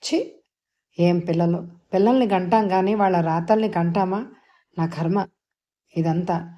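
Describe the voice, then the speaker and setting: A weary middle-aged mother who grumbles about her lot, read by a woman narrator. She speaks in an exasperated, mellow tone. It is a dialogue scene from an audio novel. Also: fairly low pitch, a little slow, highs cut off, lightly acted.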